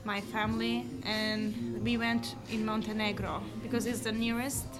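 A woman in her twenties from Kosovo, speaking English with an Albanian accent, chatting haltingly with many fillers and restarts in an interview. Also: a little high, level tone. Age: 20s. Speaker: interview guest, coffee shop worker. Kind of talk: casual interview chat. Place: basement seating of a coffee shop. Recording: music playing in a cafe. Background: music.

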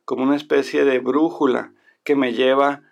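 Gravelly man in reflective chat. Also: medium pitch, flat delivery, normal speed, highs cut off. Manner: reflective, many restarts and fillers. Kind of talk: casual conversation.

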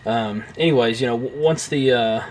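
A young man co-hosting a casual film podcast, his speech full of ums, restarts and offhand swearing. His voice sits at an ordinary pitch, with a faint hum of noise behind him. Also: moderate pace. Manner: rambling, many fillers and restarts. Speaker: podcast co-host.

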